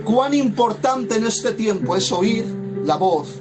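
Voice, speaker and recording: A pastor from preaches in a high, ringing voice. He delivers his sermon fervently and leans on repeated phrases for emphasis. A plucked guitar plays clearly underneath him. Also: expressive, slow pace. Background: soft guitar music.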